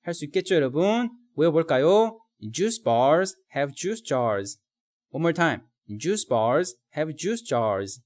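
A man teaching vocabulary in a recorded lesson, speaking straight to viewers and drilling slow example sentences. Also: a little high, sing-song, darkish tone.

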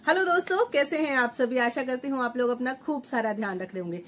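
A woman's voice: high-pitched, quick pace, fairly bright tone, a little hiss or hum. A woman hosting her own home remedy vlog, chatting like an older sister to her viewers and repeating words for emphasis while she grinds and sieves at home. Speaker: home remedy vlogger, channel host. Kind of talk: chatty beauty tips vlog.

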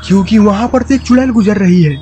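High-voiced man narrating a horror cartoon. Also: fast, raised voice, over loud music. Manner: dramatic, suspenseful storytelling. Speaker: storyteller.

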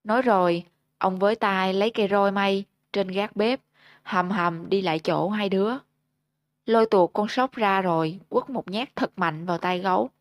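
A woman host narrating a ghost story in a steady, measured storytelling manner, on a close mic. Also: medium pitch, no echo.

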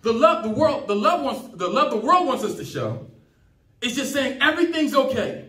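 A man with a strikingly high voice delivers an impassioned, emphatic sermon as a pastor. He reads and unpacks scripture with fervor. The sound comes from a distant mic in an echoey church hall. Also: sing-song, normal speed, bright, forceful tone. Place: church sanctuary.

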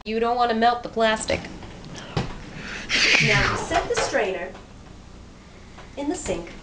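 Expressive and unhurried, her slightly high voice carries a playful how-to as this young woman cooks in her small home kitchen. She's chatty and jokey, teasing herself while moving around, and the noisy sound comes from a handheld camera mic that moves with her.

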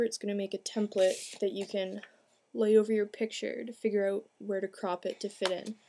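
A young adult woman with a mellow, mid-range voice walks through a craft project step by step in a casual, plain-spoken way. She is a craft tutorial host filming indoors in a small room at home. The amateur home video is clear, with background noise audible.

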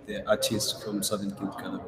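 A South African ceramic artist tells his story in a conversational interview, speaking a little fast in a fairly low, monotone voice, with a loud crowd audible. He's hesitant and restarts often. Recorded over a video call indoors in a gallery showroom, the audio has a roomy echo and faint noise.

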